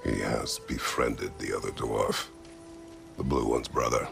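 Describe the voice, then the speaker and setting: A man voicing a stern, grim warrior god who speaks in terse, measured lines in video game dialogue. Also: steady tone, over music, heavily acted. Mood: grave. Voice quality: very deep gravelly voice.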